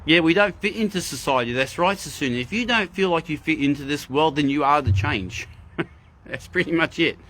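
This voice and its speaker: Greeting chat viewers as he goes, a man hosts a live spiritual talk with earnest emphasis and frequent repetition of phrases. He has a fairly high, fairly bright voice at a moderate pace.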